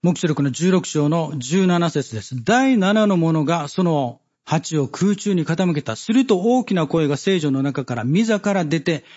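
Husky man preaching a Bible study. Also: a little high, a little mellow, muffled recording. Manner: measured, with many fillers and pauses, reading scripture aloud.

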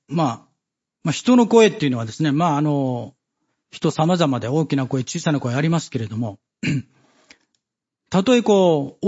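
A man giving a Bible study sermon, measured and halting with many fillers, reading scripture passages aloud. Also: fairly high pitch, a little mellow, lo-fi sound. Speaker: preacher.

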